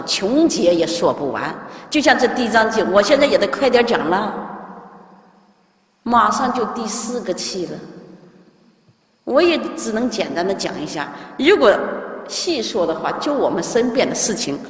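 A woman Buddhist teacher giving a dharma talk, telling stories in an animated way to her listeners. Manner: animated storytelling, lively pitch swings. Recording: echoey hall from far off.

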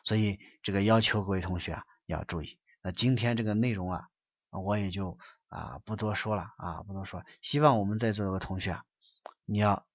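A man giving an online lecture and answering listener questions, preachy and emphatic, full of rhetorical questions and scolding, often trailing off softly at the ends of phrases. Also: lowish voice, fairly even intonation, fairly quick, dry recording, dull audio.

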